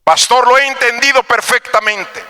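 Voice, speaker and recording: A man's voice: very high-pitched, expressive, moderate pace, bright, forceful tone, clean tone, voice pushed up, full character voice. A man voicing an anguished, repentant church member pleading with his pastor.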